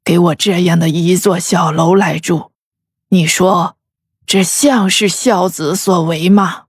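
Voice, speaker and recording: Woman playing a husky, sighing old noblewoman. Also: lowish voice, fairly even intonation, no room sound, studio quality. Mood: weary lament. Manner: slow, sighing, weary and breathy. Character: grieving old noblewoman, bitter about her son. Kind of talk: audiobook character voice.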